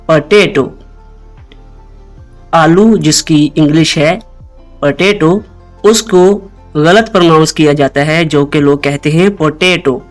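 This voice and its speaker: Slow, patient male pronunciation teacher. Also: a little high. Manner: patient, repeats each word slowly for listeners to echo. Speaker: host and English pronunciation teacher. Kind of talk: scripted pronunciation lesson.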